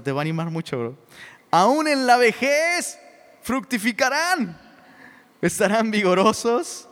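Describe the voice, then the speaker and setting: Man, middle-aged, Mexican accent, preaching, casual and animated, fairly high voice, long hall reverb. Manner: casual, animated, says "bro" a lot. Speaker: pastor. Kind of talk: sermon. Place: church hall.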